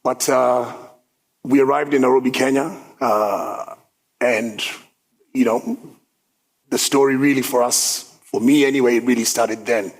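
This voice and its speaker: A man's voice: mid-range voice, steady tone, a little slow, breathy edge, poor audio. A man in his thirties from South Sudan, giving an upbeat, conversational talk about his own story at an event, with plenty of filler words. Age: 30s. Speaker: guest speaker. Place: event hall.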